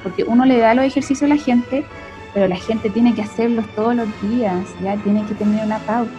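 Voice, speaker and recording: A woman's voice: fairly high pitch, steady tone, brisk, mellow. A young woman with a Chilean accent, a speech therapist giving a conversational lesson who keeps checking in with her listeners. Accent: Chilean Spanish. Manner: conversational, often tags sentences with a questioning "ya?" or "cierto?". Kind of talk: explanatory lesson. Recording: dull lo-fi recording with faint music.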